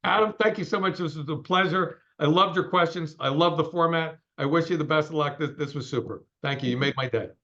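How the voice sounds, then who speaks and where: A man's voice: a little high, fairly bright tone, highs cut off. Emphatic sixty-something man on a call. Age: 60s. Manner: emphatic, straight-talking, fast bursts. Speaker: company CEO guest. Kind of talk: interview over a call.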